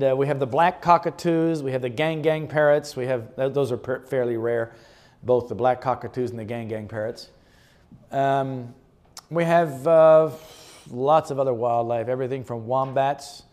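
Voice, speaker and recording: A man giving a chatty, relaxed presentation about a health retreat to a church group, showing slides and chuckling often. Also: medium pitch. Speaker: guest speaker presenting a health retreat ministry. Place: church meeting room.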